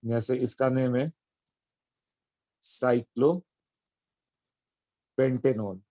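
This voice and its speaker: Slow, low-voiced male chemistry teacher. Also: a little mellow, dry recording. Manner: explains step by step, checking with students. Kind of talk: classroom lecture.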